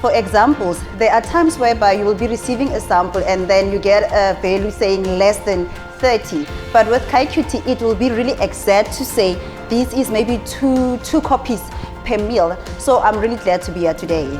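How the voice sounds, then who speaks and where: A woman, a lab supervisor, giving a grateful and slightly halting testimonial. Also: medium pitch. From South Africa. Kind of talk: interview testimonial. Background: background music.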